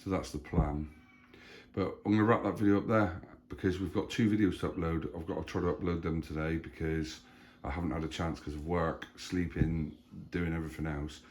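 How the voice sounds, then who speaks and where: Dad vlogger with a very low voice, chatty and loose. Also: male voice, a little fast, a little hiss or hum. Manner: chatty, rambling, animated when retelling stories. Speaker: family vlogger, father. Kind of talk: casual chat.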